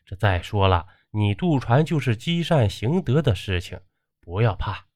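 A man's voice: fairly low pitch, sing-song, a little slow, a little mellow, dry recording, studio quality. A man playing a stern, upright old village doctor who talks firmly and bluntly. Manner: firm, blunt.

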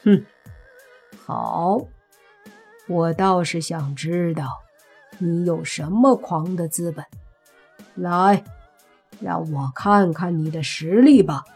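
A woman reading an audiobook and voicing a stern, proud middle-aged father who speaks gruffly and scolds slowly and weightily. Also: fairly low pitch, a little mellow, faint music behind, heavily acted.

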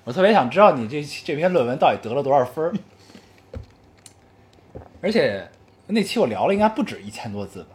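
一位带北京口音的男播客主持人，口语化地闲聊、读听众留言，带点冷幽默。. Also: male voice, fairly high pitch, big pitch swings, fairly quick, pauses often, slight background noise. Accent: Beijing. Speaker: podcast co-host reading listener messages. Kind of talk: casual chat.

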